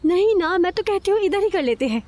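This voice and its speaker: Dub role: a bold young schemer, playful and persuasive, high pitch. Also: female voice, expressive, fairly quick, darkish tone, slight background noise. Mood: coaxing. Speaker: dubbing actor. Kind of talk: Urdu dub of a TV drama.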